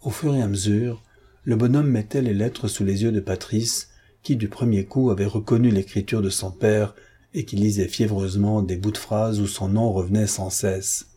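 A man narrating a novel in measured, even storytelling. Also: lowish voice, slightly rough. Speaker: audiobook narrator. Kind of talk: scripted narration.

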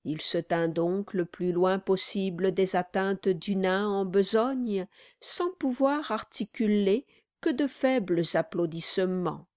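An audiobook narrator, a woman with a mid-range voice, reads a classic novel in a measured, even way as scripted literary narration. The recording is clean studio sound with no room sound.

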